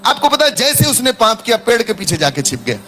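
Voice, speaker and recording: A man's voice: very high-pitched, fairly quick, soft background music. A man preaching a sermon in Hindi, telling a parable and calling out to his congregation for responses. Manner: animated, calls out to the congregation. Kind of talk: sermon with storytelling and call-and-response.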